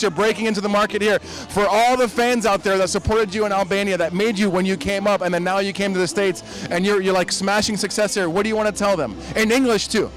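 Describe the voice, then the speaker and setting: A man's voice: high voice, poor audio. A man in his thirties hosting a red carpet interview, flirty and joking, on a handheld mic. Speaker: host. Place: outdoor red carpet event.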